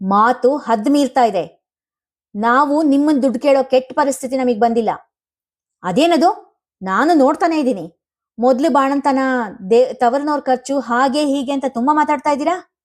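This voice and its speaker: A woman's voice: moderate pace, long pauses. A woman playing a scornful, scolding sister-in-law. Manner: sharp, scolding, high-pitched.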